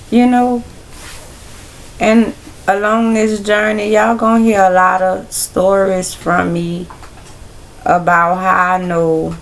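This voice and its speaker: A woman hosting a casual Bible study livestream, talking in a relaxed, rambling way straight to her viewers. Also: lowish voice, a little hiss or hum. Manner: relaxed, rambling, speaks directly to viewers as y'all.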